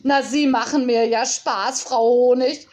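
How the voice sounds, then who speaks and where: A woman reading aloud and voicing a strict female school official who speaks in a brisk, reproving tone. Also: high voice, voice pushed up. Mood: stern.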